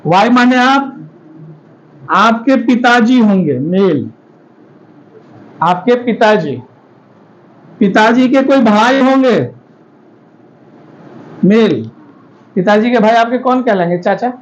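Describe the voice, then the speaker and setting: A man's voice: very high-pitched, dull audio. A man teaching a classroom lecture, explaining step by step and often checking that the students follow.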